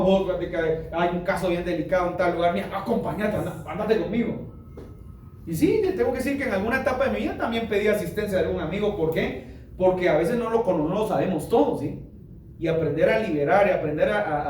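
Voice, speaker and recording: A high-voiced male pastor preaches in a lively, colloquial way, acting out the people he quotes. He is picked up from a distance in a very echoey church hall with a faint noise underneath. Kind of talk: sermon.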